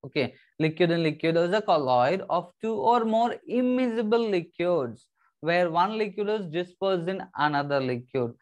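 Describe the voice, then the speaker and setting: A man's voice: sits high, lively intonation, fairly quick, darkish tone, muffled recording. A man in his thirties with a South Indian Tamil accent teaching a science lesson, switching between English and Tamil and repeating key phrases in a didactic way.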